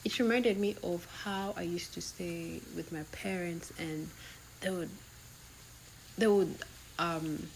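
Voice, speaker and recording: A woman's voice: fairly low pitch, fairly even intonation, slow pace, gravelly, long pauses, slight background noise. A young woman, chatting casually as she narrates her own vlog, laughing now and then and restarting words. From Uganda. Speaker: vlogger.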